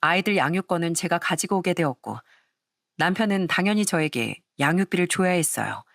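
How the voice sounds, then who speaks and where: A woman narrating a first-person family drama story in a plain, measured way. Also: fairly low pitch, animated, gravelly, dry recording, studio quality.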